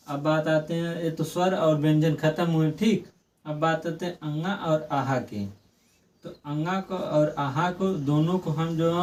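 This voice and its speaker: A young male teacher with a fairly high voice, picked up from a little way off the mic. He drills exam-prep grammar, keeps circling back to the same points, and stretches sounds out slowly when he demonstrates them. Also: a little mellow, recorded from a distance. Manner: repetitive, asks and answers own questions.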